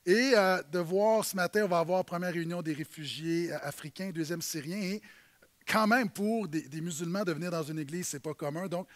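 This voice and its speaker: A man with a Québécois accent, a church leader speaking to a congregation in a halting, warm way with many fillers. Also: high voice. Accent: Québécois French.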